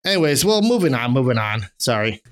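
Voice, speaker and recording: A man's voice: mid-range voice, very animated, a little fast. A man in his thirties co-hosting a podcast, chatting casually, rambling with many restarts and casual swearing. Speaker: podcast co-host. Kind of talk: casual chat.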